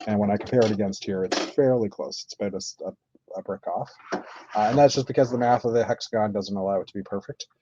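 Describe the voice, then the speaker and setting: A man chatting casually on a live stream while building, thinking aloud with many pauses and fillers. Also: lowish voice, noisy background. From Canada. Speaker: streamer building with toy bricks. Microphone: computer mic on live stream. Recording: dull lo-fi stream audio.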